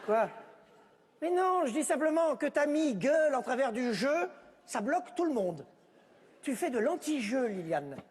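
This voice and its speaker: On stage, a man performs a one-man stand-up sketch, sarcastically bickering with unseen family members over a board game. His very high voice is sing-song, husky and a little slow, with a big-room sound.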